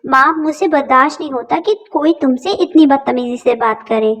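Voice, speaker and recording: A woman's voice: high voice, normal speed, lightly acted. A woman voicing an exasperated young husband who scolds his wife. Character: fed-up young husband, short-tempered.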